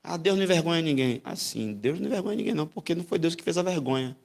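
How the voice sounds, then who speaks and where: A man from Brazil teaching a Bible class in a church as pastor, animated and acting out voices. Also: rapid-fire, vocal fry. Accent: Brazilian Portuguese. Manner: animated, acts out voices with big pitch jumps. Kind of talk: sermon-style Bible lesson.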